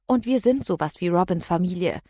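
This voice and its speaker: A woman's voice: on the low side, lively intonation, brisk, mellow, dry recording. A woman reading an audiobook, voicing a worried, insistent female friend who calls out urgently. She speaks into a close studio microphone.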